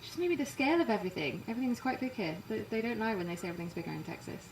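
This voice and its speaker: A woman from England, partly raised in Canada, with an English accent, chatting quickly and self-deprecatingly as a musician being interviewed. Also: fairly high pitch, lively intonation, echoey room, recorded from a distance, slight background noise, low-quality recording. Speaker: musician guest. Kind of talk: casual interview chat. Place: inside a parked trailer.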